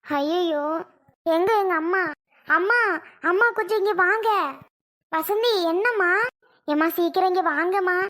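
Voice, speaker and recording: A woman's voice: very high voice, measured pace, pauses often, fairly bright tone. A woman doing a fretful sleepy wife. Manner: fretful, complaining. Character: flustered young wife, sleepy and fussing. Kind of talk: cartoon voice acting.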